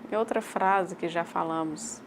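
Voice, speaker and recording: A woman with a Brazilian accent voicing a sign language teacher's lecture aloud, in measured, halting short phrases. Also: on the low side, a little hiss or hum. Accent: Brazilian Portuguese. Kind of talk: voiced interpretation of a lecture.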